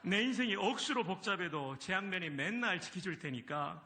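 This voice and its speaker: Man doing Gyeongsang dialect, high bright voice, blunt punchy phrasing. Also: lively intonation, normal speed, a little hiss or hum, exaggerated voice. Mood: hearty. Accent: Gyeongsang dialect, put on.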